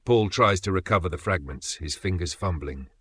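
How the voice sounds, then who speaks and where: A man narrating a dramatic story in a steady, measured way with pauses for effect. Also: sits low, slightly rough, no room sound.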